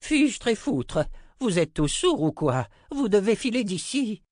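A man voicing a cranky, fussy old male wizard who shouts and frets in an audiobook. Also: lively intonation, measured pace, no echo, clean studio sound. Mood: exasperated. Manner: shouting, high-pitched, exasperated.

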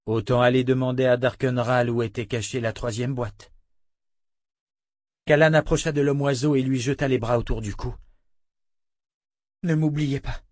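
A man narrating a fantasy novel in measured storytelling style. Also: medium pitch, no echo, clean studio sound. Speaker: audiobook narrator. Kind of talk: scripted narration.

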